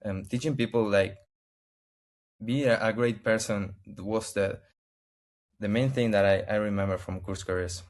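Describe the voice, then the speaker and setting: A man from Argentina, Spanish his native tongue, responds to interview questions on a video call, his English halting and full of restarts and word searches. He speaks with an Argentine Spanish accent, on the low side, with fairly even intonation.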